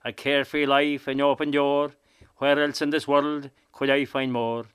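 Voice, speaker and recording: Lilting Kerry man reciting, clear and smooth. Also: mid-range voice, level tone, moderate pace, fairly bright tone, no room sound. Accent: Kerry Irish. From County Kerry, Ireland. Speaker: local poet. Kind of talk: recited rhyming poem.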